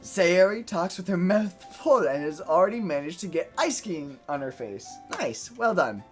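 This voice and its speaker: A woman's voice: fairly low pitch, very animated, normal speed, faint music behind. A woman streamer reading a visual novel aloud, with playful, wry asides.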